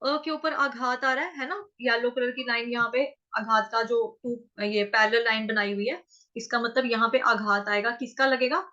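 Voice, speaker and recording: A woman teaching Sanskrit verse recitation, patiently explaining pronunciation step by step and chanting lines slowly. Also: on the high side, fairly even intonation, bright, forceful tone, muffled recording.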